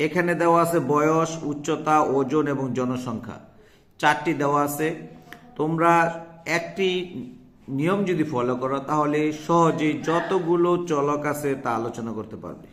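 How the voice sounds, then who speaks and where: A man in his thirties with a Bangladeshi Bengali accent gives an exam-prep math lesson. His voice sits a little high, and he walks through each example step by step, restating the rule again and again. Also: fairly bright tone. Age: 30s. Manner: explains step by step, repeating key rules. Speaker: math teacher.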